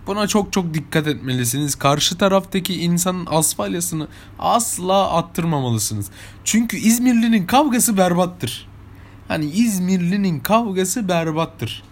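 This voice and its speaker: A young man from İzmir with an İzmir Turkish accent, telling anecdotes to his viewers in a chatty, casual way. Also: fairly high pitch. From İzmir, Turkey. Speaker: vlogger. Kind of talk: casual storytelling monologue.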